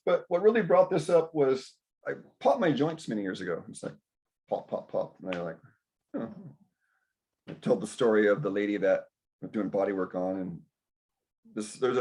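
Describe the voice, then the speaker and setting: Animated middle-aged man telling stories. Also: mid-range voice. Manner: animated storytelling, rambling asides. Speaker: health talk host. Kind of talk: casual group discussion.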